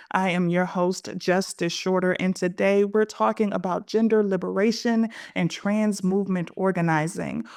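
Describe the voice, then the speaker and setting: A woman hosting a podcast, reading scripted introductions and then asking interview questions in a measured way. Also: mid-range voice, no echo, studio quality. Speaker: podcast host.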